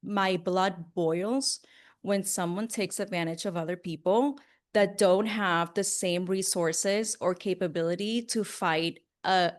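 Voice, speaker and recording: A woman's voice: mid-range voice, steady tone, slow pace. A woman telling personal stories as a journalist being interviewed, in an earnest, conversational way with emphasis on key words. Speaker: interview guest, broadcast journalist. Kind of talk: casual personal storytelling in an interview.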